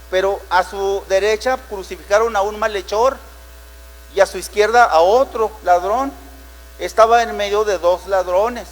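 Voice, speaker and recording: A man's voice: high-pitched, long reverb tail, poor audio. A man with a Mexican Spanish accent preaching a sermon as pastor, telling the story dramatically and asking rhetorical questions.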